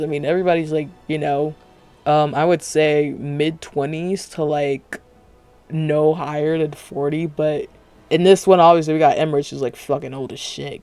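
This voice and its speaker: A man rambles through a late-night reaction stream, cursing freely and breaking off mid-thought. His voice sits a little high and has a gravelly edge, slightly thick from the retainers in his mouth. Faint music plays underneath. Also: darkish tone. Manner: rambling, profane, self-interrupting. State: talking with retainers in. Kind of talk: casual reaction commentary.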